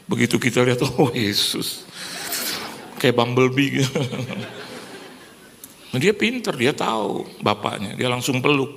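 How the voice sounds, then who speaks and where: A middle-aged male pastor preaching in a church, telling lively stories with acted-out quotes and calling out to the congregation. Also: mid-range voice, normal speed, gravelly, a little hiss or hum. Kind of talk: sermon.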